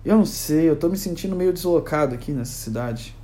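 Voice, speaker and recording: A man's voice: a little high, lively intonation, fairly quick, dark tone, close to an everyday voice. A man doing Brad, a sulky, lonely pet tiger.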